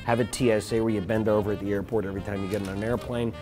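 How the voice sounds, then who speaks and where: A man as interview guest, telling stories in an animated way with frequent restarts. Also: fairly low pitch, very fast, music in the background. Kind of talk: casual chat, storytelling.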